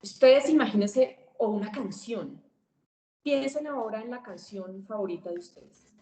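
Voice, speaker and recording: A woman teaching a public speaking webinar, swinging her pitch, volume and pace to demonstrate. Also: expressive, a little slow, warm tone, echoey room, rough recording. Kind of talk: webinar lesson.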